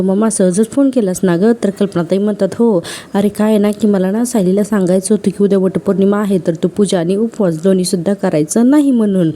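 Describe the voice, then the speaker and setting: A woman's voice: mid-range voice, mellow. A woman casually retelling a TV serial episode, quoting each character's lines with fillers and self-corrections. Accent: Marathi.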